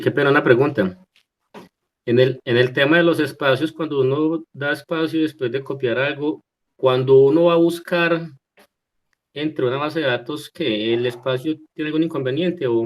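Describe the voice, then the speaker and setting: A male student asks his teacher a question over a video call. His voice sits at a medium pitch, and he talks politely and hesitantly, repeating words as he searches for the phrasing. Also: moderate pace. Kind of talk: asking a question in class.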